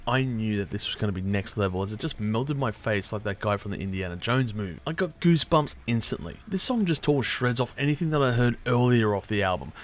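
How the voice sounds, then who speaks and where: A man's voice: lowish voice, expressive, a little fast, hardly any pauses, slight background noise. A man delivering a scripted album review in a sarcastic, irreverent way with casual swearing. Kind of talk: scripted music review monologue.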